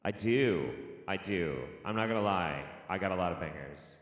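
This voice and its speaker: Male host, low-ish voice, lively delivery, rambling and self-mocking; cave echo with long reverb. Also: moderate pace. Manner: rambling, swearing, laughing at himself. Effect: cave-like echo on the mic. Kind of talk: casual online show chat. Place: home studio. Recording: echoey mic with long reverb.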